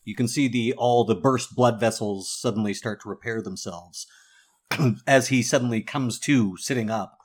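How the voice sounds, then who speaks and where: Mid-pitched man playing a tabletop game. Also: normal speed, slightly rough. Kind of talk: narrating own character's actions in a tabletop game.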